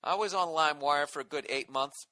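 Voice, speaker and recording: A man's voice: on the high side, a little fast, sharp tone. Profane ranting man with a Boston accent. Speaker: podcast host. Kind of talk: solo podcast rant.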